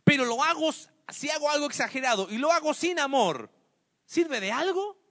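A man's voice: very high voice, lively intonation, normal speed, fairly bright tone, in a large hall. A man teaching a Bible study lesson. He asks his listeners questions, answers them himself and explains with everyday examples.

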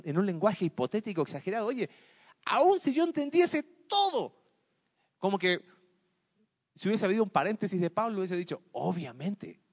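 A man's voice: high voice, fairly bright tone, long reverb tail. A man teaching a Bible study lesson. He asks his listeners questions, answers them himself and explains with everyday examples.

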